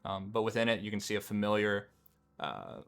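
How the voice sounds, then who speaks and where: A man's voice: on the low side, expressive, brisk, creaky. A man narrating as game master of a tabletop game, casual and describing scenes with fillers.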